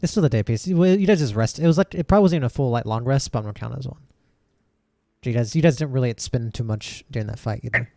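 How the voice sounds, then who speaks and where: A man's voice: mid-range voice, rapid-fire, gravelly, dark tone, dry recording. A man narrating as dungeon master, rambling with fillers and restarts. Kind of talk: narrating a tabletop game.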